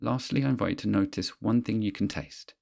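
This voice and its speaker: Low, gravelly man guiding a mindfulness exercise. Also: a little mellow. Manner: measured, instructional, pausing between phrases. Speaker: guide of a therapeutic grounding exercise. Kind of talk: guided mindfulness exercise, scripted narration.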